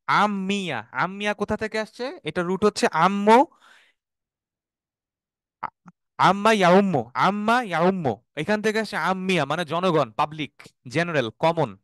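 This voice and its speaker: A man teaching an online Arabic class, explaining terms slowly, repeating them and checking often that students follow. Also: high-pitched, lively intonation, a bit bright, clear, resonant tone, no room sound, studio quality. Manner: has students repeat words after him.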